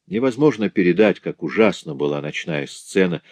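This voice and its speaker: Brief: male narrator, deep voice, measured reading, dry booth sound. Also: expressive, darkish tone, no echo. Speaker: audiobook narrator. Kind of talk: scripted narration of a novel.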